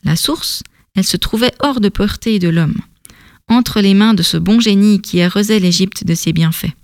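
A woman narrating a storybook in a calm, measured reading voice. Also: mid-range voice, no echo, clean studio sound.

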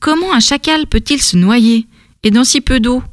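A woman voicing a shrewd, wary young boy in a storybook reading, her voice lowered and steady. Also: moderate pace, no echo, clean studio sound, close to an everyday voice. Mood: astonished. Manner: wary, bargaining.

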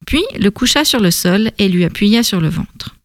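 Brief: female storybook narrator, measured, even-paced delivery, mid voice, dry studio sound. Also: medium pitch, dry recording. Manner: calm, measured reading.

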